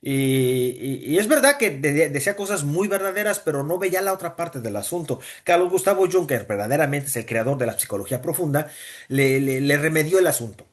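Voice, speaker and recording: Lively priest teaching. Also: male voice, fairly high pitch, brisk. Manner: animated, acts out voices, frequent repetitions. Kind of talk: informal teaching talk.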